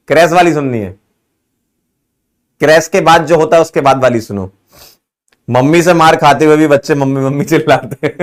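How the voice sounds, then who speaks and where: A male chemistry teacher wrapping up an online lecture, chatting casually and joking with his students, laughing often. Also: on the high side. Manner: playful, joking, laughs often, calls students 'beta' and 'bhai'.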